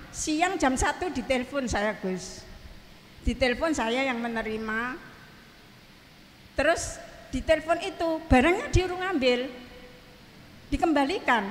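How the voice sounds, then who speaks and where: Speak as a middle-aged woman in a study hall, fairly high-voiced, earnest, and deferential as you recount what happened. Keep turning to your teacher with polite address, and let the long hall reverb and faint room murmur sit behind you. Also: a bit bright, a little hiss or hum. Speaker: congregant asking a question. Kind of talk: telling a personal story to a teacher. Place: study hall at an Islamic boarding school.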